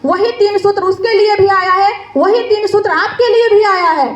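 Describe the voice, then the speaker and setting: A woman's voice: very high voice, steady tone, normal speed, muffled recording. A woman giving an impassioned devotional sermon from a stage, scolding her listeners with a string of rhetorical questions. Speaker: spiritual speaker. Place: stage before a gathering. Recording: echoey room.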